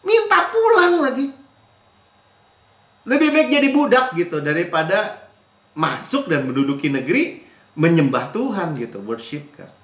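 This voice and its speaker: Animated pastor with a lively, high voice. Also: male voice, normal speed, pauses often, echoey room. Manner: animated, shifts between loud mocking impressions and quiet asides. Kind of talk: sermon. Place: church.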